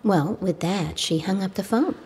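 An actress playing a matter-of-fact 1920s witness recounting events on the stand. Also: female voice, mid-range voice, normal speed, a little mellow, lightly acted. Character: plain-spoken 1920s courtroom witness.

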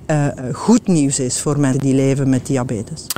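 Woman explaining medicine, mellow voice. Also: very deep voice, steady tone, moderate pace, slight background noise. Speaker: medical expert guest. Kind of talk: radio interview.

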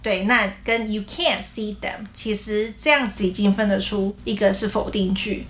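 Woman teacher, patient, mid-pitched voice, models English phrases slowly. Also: flat delivery, fairly bright tone, slight background noise. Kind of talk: explaining English pronunciation in a podcast lesson.

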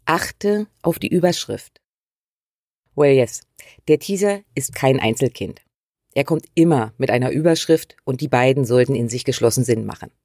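A woman's voice: extremely low pitch, animated, moderate pace, darkish tone, no echo, studio quality. A woman hosting a scripted writing tutorial, talking straight to the viewer in a direct, instructive way. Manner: direct and instructive, uses imperatives. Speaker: writing coach and channel host.

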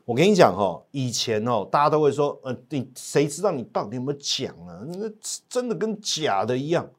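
A man with a Taiwanese Mandarin accent hosting a stock market show, keeping up excitable commentary, firing rhetorical questions at his audience and now and then breaking into loud, high-pitched shouting. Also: fairly quick.

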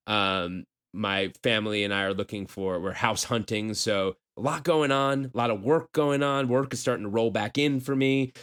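A man's voice: on the low side, moderate pace, hardly any pauses, fairly bright tone, smooth. A man in his thirties co-hosting a podcast in casual chat, talking loosely and often restarting his words. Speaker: podcast co-host.

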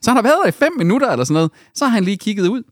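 Animated rambling man telling stories. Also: high voice, no echo, studio quality. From Denmark. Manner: animated storytelling with rambling restarts. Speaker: podcast co-host. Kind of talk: casual chat.

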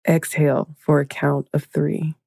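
A woman leading a guided meditation in a slow, soothing, hushed manner, counting breaths and counting down. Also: low voice, flat delivery, vocal fry, slightly rough, dry recording.

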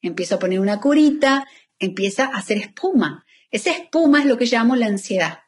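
Calm woman therapist guiding breathing. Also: on the high side, husky. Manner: calm, soothing, slowing down for guided phrases. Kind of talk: guiding a breathing exercise in an interview.

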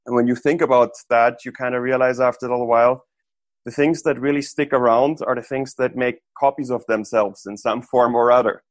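A man's voice: mid-range voice, steady tone, fairly quick, no echo. A man from Austria, an entrepreneur, talking casually as an interview guest, thinking aloud with restarts and fillers. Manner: thoughtful, frequent restarts and "like" fillers.

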